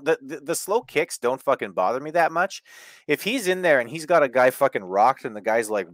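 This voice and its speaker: A man's voice: mid-range voice, fairly bright tone, dry recording, studio quality. A man hosting a casual wrestling review podcast, blunt and opinionated, swearing freely. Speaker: podcast host.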